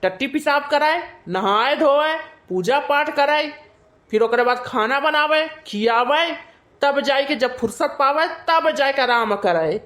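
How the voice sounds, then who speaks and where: A soft-hearted young husband in a cartoon, voiced by a woman, pleading and wheedling with pet names. The voice sits fairly high for a man. He sounds eager to please and never firm. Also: expressive, measured pace. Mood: explaining. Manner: pleading, sweet-talking, wheedling. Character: meek young village husband, pleading and coaxing. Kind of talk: cartoon voice acting.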